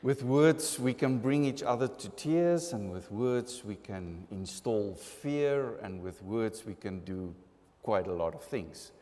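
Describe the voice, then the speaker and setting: A man preaches in a large sanctuary, his mellow, darker voice carrying a long reverb tail. He speaks slowly and deliberately, earnest with occasional humorous asides. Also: mid-range voice. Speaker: pastor. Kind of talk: sermon.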